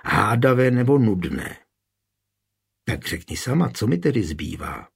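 A man reading the part of a calm, wry, confident suitor in an audiobook, with a husky voice. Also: fairly low pitch, exaggerated voice.

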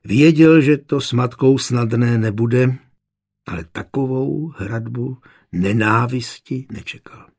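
A male narrator reads a historical novel in a measured, steady way. His voice is gravelly with a husky edge, pitched in the middle range for a man. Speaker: audiobook narrator.

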